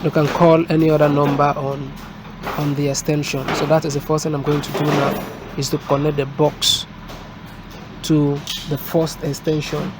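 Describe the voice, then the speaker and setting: A technician presents a product installation in an unscripted hands-on tutorial and review, filmed from above at an indoor desk. His slightly high voice is flat-toned and halting as he explains step by step. The room is noisy, with street and vehicle sounds in the background.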